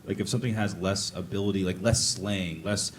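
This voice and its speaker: A man's voice: deep voice, steady tone, brisk, slight background noise. A man from the audience asking a long question, hunting for words and restarting as he goes. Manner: searching for words, many fillers and restarts. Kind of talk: casual spoken question.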